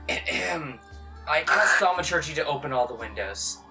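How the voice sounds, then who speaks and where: A man playing a tabletop game, talking casually in a hesitant, halting way. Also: fairly high pitch, lively intonation. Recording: distant mic, loud background music. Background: loud music.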